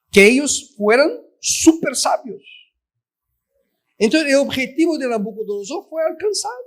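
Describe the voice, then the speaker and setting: Male preacher, high voice, emphatic sermon delivery. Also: fairly bright tone. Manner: emphatic, addresses listeners as "queridos". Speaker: pastor.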